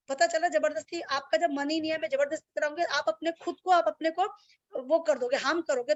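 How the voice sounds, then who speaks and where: A woman's voice: sits high, no echo. A woman yoga teacher speaking bluntly and plainly to her students over a video call. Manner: blunt and straightforward, self-described strict. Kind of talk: online class talk with students. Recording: dull lo-fi video call audio.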